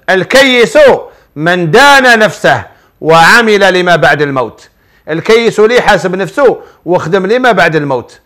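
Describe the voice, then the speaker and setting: High-voiced Algerian sheikh giving advice. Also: male voice, fairly bright tone. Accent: Algerian Arabic. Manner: preachy, full of rhetorical questions. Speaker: sheikh answering viewer questions. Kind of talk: televised religious advice.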